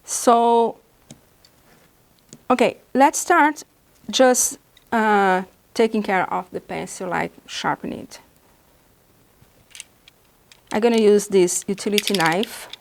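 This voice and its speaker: A woman from Brazil, a native Portuguese speaker, teaches a beginner art lesson, patiently demonstrating drawing supplies in a halting manner with frequent pauses. Her mid-range voice is gravelly and carries a Brazilian Portuguese accent.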